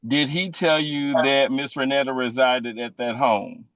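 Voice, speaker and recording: A male defense attorney cross-examining a witness in court, pointed and deliberate. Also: mid-range voice, fairly even intonation, a bit bright, no echo. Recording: dull, dry lo-fi courtroom audio.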